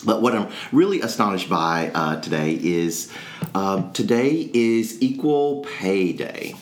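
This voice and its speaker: A man co-hosting a podcast as a pastor, chatting casually in a reflective, halting way. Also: low-pitched, animated. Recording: roomy echo with faint background noise.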